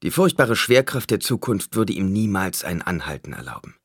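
A man narrating an audiobook in a measured, solemn reading. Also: sits low, sing-song, husky, dry recording, clean studio sound. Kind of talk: scripted narration.

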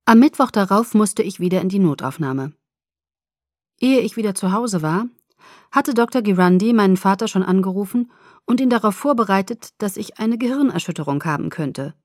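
A woman narrates a novel in the first person, measured and expressive. Her voice sits at an ordinary middle pitch. The recording is dry and close, with no room around it. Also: dry recording. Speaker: audiobook narrator.

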